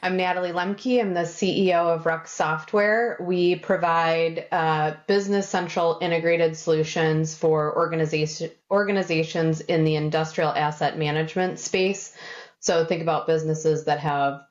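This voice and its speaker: A woman's voice: sits low, steady tone, normal speed. A woman in her thirties, a company executive guest chatting casually over a video call. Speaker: guest, software company CEO. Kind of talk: casual chat. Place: home room with bookshelves. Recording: slightly dull, roomy video call.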